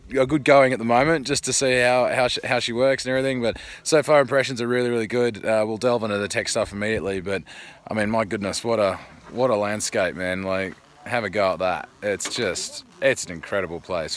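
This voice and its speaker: A man presenting a casual on-location motorcycle tyre review outdoors in the desert, talking in an excited, rambling way with restarts and fillers. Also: medium pitch. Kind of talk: casual on-location piece to camera.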